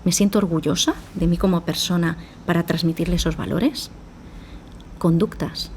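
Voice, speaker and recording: A woman's voice: lowish voice, steady tone, normal speed, slight background noise. A woman psychologist on a podcast, explaining at length and acting out her talks with parents. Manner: explanatory, acts out dialogues with parents. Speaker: psychologist guest. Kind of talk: podcast interview.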